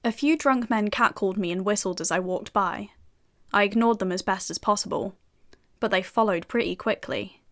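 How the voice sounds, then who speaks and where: A woman's voice: mid-range voice, moderate pace, lightly acted. British actress as a cocky young female FBI agent narrating her own audio drama, dry sardonic wit, mid-range voice. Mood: wry. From United Kingdom.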